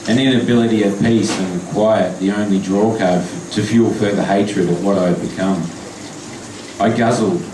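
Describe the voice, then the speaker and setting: An Australian poet with a steady, lowish voice reads his poems and flash fiction at a live event in a pub function room. Between pieces he is chatty and halting, and when reading he turns slow and deliberate. The audio was captured from far off in the echoey pub, with background noise.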